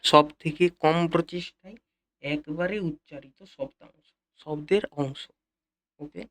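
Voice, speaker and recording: A man teaching an English lesson in a Bengali accent, repeating key phrases slowly and speaking directly to his students. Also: a little high, fairly bright tone. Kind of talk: classroom-style lesson explanation.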